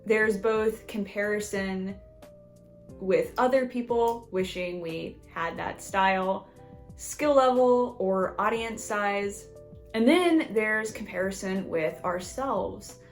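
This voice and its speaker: A woman's voice: medium pitch, takes it slowly, faint music behind. A woman artist narrating her vlog in a friendly, chatty, self-deprecating way. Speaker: artist and video creator.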